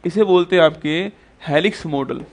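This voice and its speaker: Male coaching teacher with a high voice, repetitive, quizzing style. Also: moderate pace, a little hiss or hum. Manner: repetitive, quizzes students with rhetorical questions. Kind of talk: exam-prep classroom lecture.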